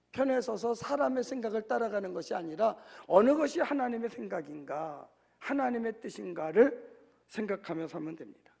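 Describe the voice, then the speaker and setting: A man's voice: high-pitched, gravelly, a little mellow. A male pastor preaching a sermon in a conversational way, asking the congregation questions.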